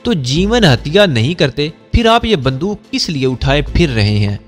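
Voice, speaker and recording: A man's voice: on the high side, sing-song, normal speed, soft background music. A male storyteller voicing a friendly horse-carriage driver in a narrated audio story. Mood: easygoing. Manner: friendly, easygoing. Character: Mumbai horse-carriage driver, middle-aged man.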